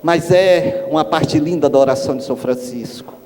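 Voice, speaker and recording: A man giving an emphatic, animated spiritist lecture to an audience. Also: on the high side, moderate pace. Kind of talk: inspirational lecture with anecdotes. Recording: long hall reverb, faint background noise.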